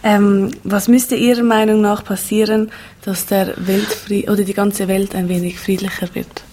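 A woman's voice: medium pitch, level tone, moderate pace, mellow, a little hiss or hum. A woman interviewing a guest on the radio, asking questions and giving short affirmations. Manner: brief affirming backchannels.

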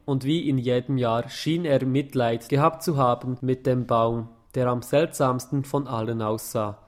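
A man narrating a Christmas-time story in a calm, even reading voice. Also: medium pitch, measured pace.

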